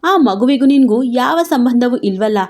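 A proud young wife in a storybook reading, hurt yet defiant, snapping back with bitter, sharp words, voiced by the woman narrator. Her voice sits fairly high. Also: expressive, moderate pace.

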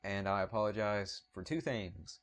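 A man with a thick Southern US drawl and a low voice talks casually to camera for his photography channel. He rambles a little, full of ums and apologies, and the sound comes through a small point-and-shoot camera mic. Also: normal speed.

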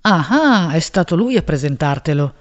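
A woman's voice: low voice, sing-song, moderate pace, highs cut off. A woman reading an audiobook, voicing a gossipy male friend who teases and pries with playful insistence. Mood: gossipy teasing. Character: gossipy, teasing Venetian man friend.

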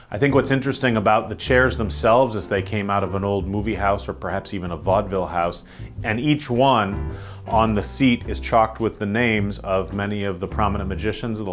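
A man narrating a guided tour through indoor museum rooms, measured and descriptive, with occasional hesitations. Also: on the low side. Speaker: tour guide of a magic collection.

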